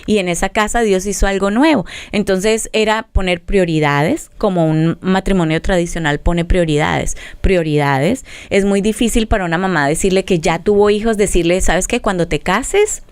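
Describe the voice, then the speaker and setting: Middle-aged woman, family counselor guest, earnest storyteller, smooth tone, dry close sound. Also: mid-range voice, moderate pace, hardly any pauses, no room sound. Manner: earnest storytelling, acts out dialogue. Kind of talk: testimony in interview.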